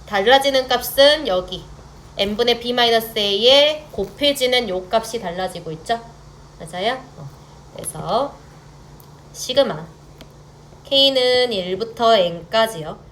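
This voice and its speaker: A woman's voice: fairly high pitch, takes it slowly, a bit bright. Young woman math tutor, patient and explanatory, often asks students to confirm, faint hiss behind her. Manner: checks in with students, mixes polite and casual speech. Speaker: math teacher. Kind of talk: online math lecture.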